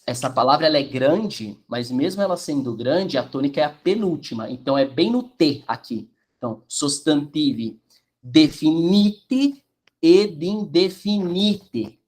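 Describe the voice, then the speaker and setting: A man's voice: medium pitch, animated, fairly quick, breathy edge. A man teaching Italian pronunciation in an online class, explaining with a sing-song lilt and checking the chat.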